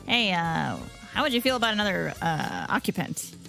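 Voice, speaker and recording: A woman voicing an easygoing male adventurer who speaks hesitantly, full of pauses. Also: fairly low pitch, very animated, vocal fry, a bit bright, faint music behind, exaggerated voice.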